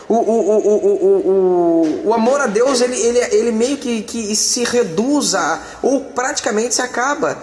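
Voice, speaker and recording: A man's voice: very high voice, a little hiss or hum. A man preaching a sermon as a pastor, emphatic and colloquial, talking straight to his listeners. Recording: echoey hall with reverb and faint ambience.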